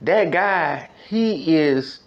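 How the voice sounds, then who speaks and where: An American man tells a personal story on a podcast, speaking casually and emphatically, repeating points and filling them with street slang and check-in phrases. His slightly high voice has lively intonation but moves extremely slowly, with a creaky quality, and the audio is dull.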